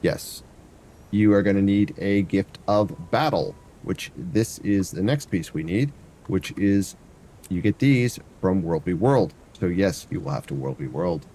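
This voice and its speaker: Speaking low and unhurried in a dark tone, this congested man rambles through casual gameplay commentary on his live stream. The variety streamer thinks out loud and hums as he plays, over a faint hiss or hum.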